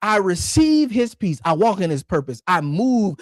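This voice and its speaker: Man, preacher, cadence, high voice, dry close sound, repetitive declarations. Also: very animated, moderate pace, no echo. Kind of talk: online sermon.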